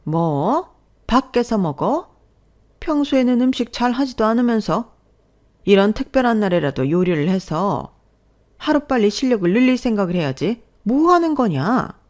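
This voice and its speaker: A woman voicing a domineering older mother-in-law who scolds loudly over the phone in a radio story. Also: fairly high pitch, very animated, normal speed, pitched above the performer's own voice. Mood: scolding. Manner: scolding, shouting.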